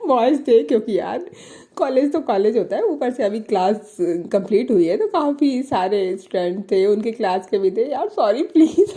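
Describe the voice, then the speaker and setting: A woman's voice: mid-range voice, dark tone. A woman telling a love story in a casual, chatty way, with many fillers.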